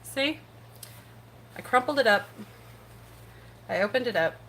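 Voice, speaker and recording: A woman's voice: a little high, expressive, a little slow, a bit bright, a little hiss or hum, rough recording. A woman hosting a casual home cooking livestream in her kitchen, chatty and rambling, poking fun at herself. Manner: chatty, rambling, self-deprecating. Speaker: cooking show host.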